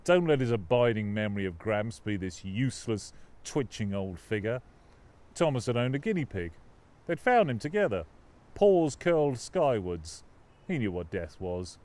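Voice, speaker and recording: Reading from his own novel in audiobook form, a mid-range-voiced author performs the scripted text with theatrical, literary expressiveness.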